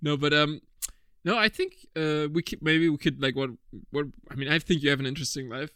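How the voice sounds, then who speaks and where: A young man in his twenties hosts a laid-back podcast, talking in a rambling, chatty way and laughing often. His voice sits a touch high for a man, and the sound is dry and close. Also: steady tone, fairly quick, fairly bright tone, clean tone, no room sound. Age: 20s. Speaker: podcast host. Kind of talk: casual chat.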